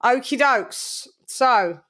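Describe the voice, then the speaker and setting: A woman's voice: on the high side, animated, extremely slow, a bit bright. A British woman hosting a casual boxing live stream, playful and rambling, full of fillers and little sing-song asides. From United Kingdom. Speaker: host.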